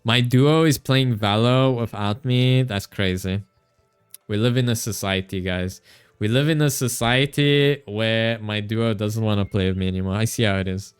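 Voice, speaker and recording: A man's voice: lowish voice, moderate pace, clean tone, faint music behind. A man streaming a game, chatting playfully with his chat, teasing and laughing, stumbling as he reads game text aloud. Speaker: VTuber streamer. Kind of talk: casual gaming livestream chat.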